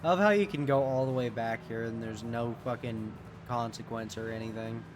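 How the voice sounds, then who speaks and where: A man's voice: medium pitch, normal speed. A man giving casual gameplay commentary as a streamer, candid and swearing a lot. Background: game music.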